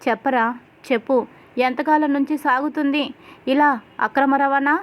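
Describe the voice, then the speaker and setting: An arrogant, bullying police officer threatens and scolds, as a woman narrator reads him. The voice is high and the reading stays plain. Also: fairly even intonation, moderate pace, lightly acted.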